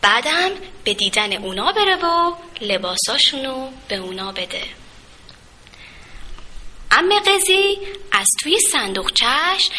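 A woman narrating a children's story in a gentle, lilting storytelling way. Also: a little high.

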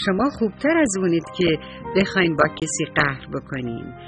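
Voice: mid-range voice, big pitch swings, gravelly, soft background music. A children's storyteller telling a story and speaking affectionately straight to the young listeners. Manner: affectionate, addresses children directly.

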